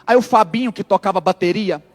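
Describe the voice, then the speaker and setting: High-voiced man preaching a dramatic testimony. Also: fairly quick, long reverb tail, faint music behind. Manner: dramatic storyteller, acts out dialogue, humorous asides. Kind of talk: sermon testimony storytelling.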